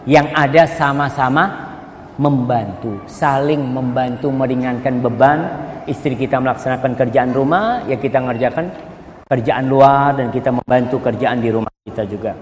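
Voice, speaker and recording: Middle-aged preacher in an echoey hall. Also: male voice, medium pitch, a little hiss or hum. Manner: lively storytelling, acts out quoted voices; recites Arabic hadith slowly. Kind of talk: sermon. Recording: echoey hall with faint ambience.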